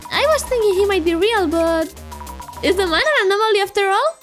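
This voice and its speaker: A woman's voice: very high voice, animated, a little fast, faint music behind, voice pushed up. A woman voicing a hesitant young assistant detective, reading a visual novel aloud while thinking things through tentatively. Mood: puzzling.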